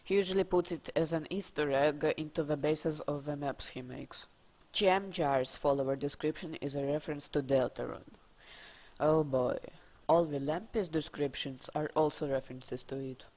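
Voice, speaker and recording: A person with a Russian accent narrating scripted game trivia for a video, with dry, deadpan, casual asides. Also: medium pitch, normal speed.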